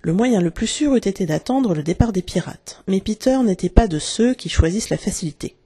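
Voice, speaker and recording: A narrator reading a classic children's adventure aloud with lively, dramatic expression. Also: medium pitch, brisk, husky. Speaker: audiobook narrator.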